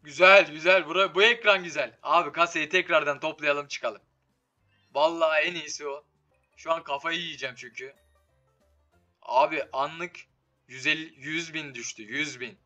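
Bright, forceful man with tired voice. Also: on the high side, steady tone, normal speed, muffled recording. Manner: slangy, swearing, talking to the game. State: slightly sick, voice giving out. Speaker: slot game streamer. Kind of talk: casual live gameplay commentary. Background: game music.

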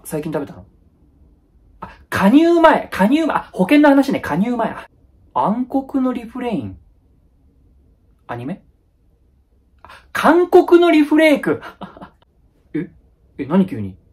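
A man with a husky, breathy edge to his voice talks through a comic skit, firing off blunt, rough-edged casual retorts. His pitch leaps and dives constantly. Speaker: comedy YouTuber. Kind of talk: comedic solo skit.

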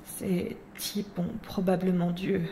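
An actress in a French fan audio drama plays an earnest, troubled mother who doubts herself. She sounds serious, hesitant, sad, and self-reproaching, speaking slowly in a lowish, flat, mellow voice. The sound is roomy with music behind her and slight background noise.

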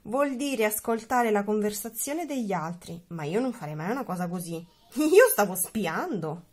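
A woman voicing a small, curious and cheeky little girl in a high squeaky storybook voice. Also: lively intonation, moderate pace, a little mellow, natural voice.

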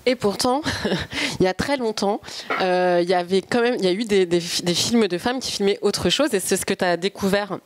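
Halting woman moderating a talk. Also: mid-range voice. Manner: halting, many fillers, steering questions to the guest. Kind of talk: hosting a public talk. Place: live event in a shop.

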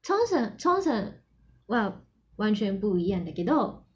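Her voice is medium-pitched, sing-song, and slow. She's a young Japanese woman from Yamanashi hosting an idol livestream, giggly and casual, reading viewer comments out loud and mixing Mandarin, her second language, with Japanese.

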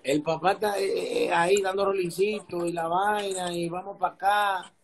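A middle-aged man with a Dominican accent hosts a casual sports interview over a remote video call from an indoor room, speaking informally with slang. As interviewer and show host, his voice sits high with fairly even intonation and a moderate pace, the device held at arm's length.

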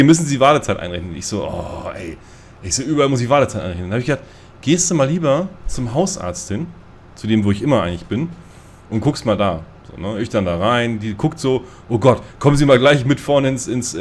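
A man's voice: lowish voice, lively intonation, fairly quick. A man casually telling a rambling, self-mocking story in a group voice chat, often laughing at himself. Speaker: gamer on a multiplayer voice chat.

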